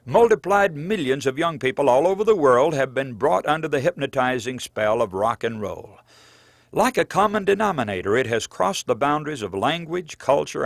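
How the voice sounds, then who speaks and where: In a dry recording, a man with a medium-pitched voice reads his own book aloud as scripted audiobook narration. His delivery has an earnest, measured preaching cadence.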